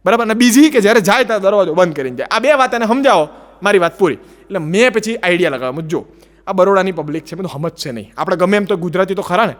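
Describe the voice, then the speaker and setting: A man's voice: high voice, expressive, quick pace. A man with a Gujarati accent performing a stand-up comedy routine, telling stories with put-on voices and broken English.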